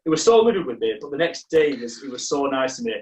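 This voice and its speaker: A man's voice: mid-range voice, very animated, fast, a little mellow. Rambling man, distant and roomy. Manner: rambling, self-mocking, full of restarts. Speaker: podcast co-host. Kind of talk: casual chat, storytelling.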